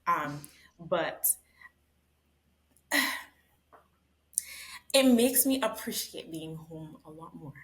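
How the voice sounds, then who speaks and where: A woman from Barbados, a guest in an interview, speaking in a thoughtful, measured way with pauses as she reflects. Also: low-pitched, lively intonation. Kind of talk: reflective conversation.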